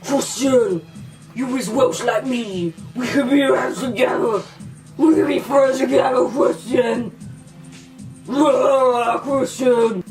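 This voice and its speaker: Over music, a young woman delivers a comic monologue in a high-pitched, slow voice with vocal fry. As a comedy vlogger, she adopts a put-on tough-kid persona full of slang, swagger and sing-song chants. The camera sits a few metres off in her small bedroom, giving distant-mic sound.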